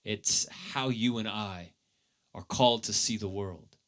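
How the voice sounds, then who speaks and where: A man preaching a sermon as pastor, earnest, with his voice swelling loud and then dropping low. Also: unhurried.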